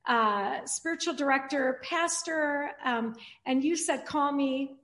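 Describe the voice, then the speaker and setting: Halting, higher-voiced woman pastor hosting. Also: a bit bright. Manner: halting, many fillers and restarts. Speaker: podcast host and pastor. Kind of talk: casual interview chat.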